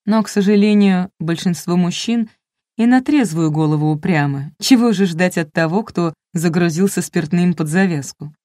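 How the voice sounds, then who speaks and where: A woman's voice: fairly low pitch, moderate pace, mellow, no echo, clean studio sound. A woman narrating a first-person audiobook in a wry, ironic storytelling manner.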